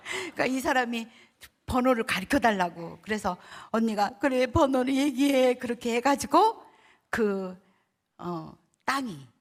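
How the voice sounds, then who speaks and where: A woman's voice: a little high, expressive, measured pace. An older woman, a pastor's wife, tells a personal testimony story, acting out the voices of the people she quotes.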